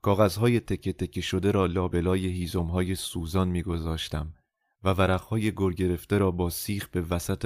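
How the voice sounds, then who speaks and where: A man narrating a novel as an audiobook in a measured, calm first-person storytelling manner. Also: sits low, dry recording, clean studio sound.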